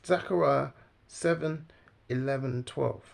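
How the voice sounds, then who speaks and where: A man with a gravelly, creaky voice at an everyday pitch, telling a story in a loose, rambling way. He circles back and repeats himself as he talks. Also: slow. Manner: rambling, repeats phrases, many fillers. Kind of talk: casual storytelling.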